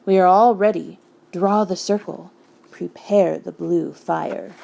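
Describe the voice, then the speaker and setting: A woman's voice: fairly low pitch, fairly even intonation, takes it slowly, vocal fry, warm tone, exaggerated voice, rough recording. A woman voicing a menacing male werewolf in a storybook, terse and ominous, with a gray, terrible voice. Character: menacing male werewolf, grim servant of dark sorcery.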